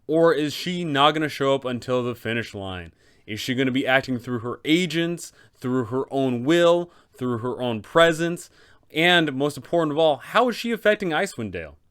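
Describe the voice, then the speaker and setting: In an explanatory video commentary about role-playing villains, a man hosting as a tabletop game master gives advice with emphatic, dramatic storyteller phrasing. His voice is mid-pitched, fairly bright, and clean.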